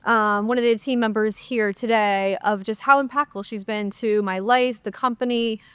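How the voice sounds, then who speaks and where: Hosting her own podcast, a woman with a slightly high, clear and resonant voice answers questions in a casual, upbeat chat packed with fillers. Her intonation stays fairly even at a normal speed. She sounds a bit stuffy and nasal from a cold, and there's no room sound.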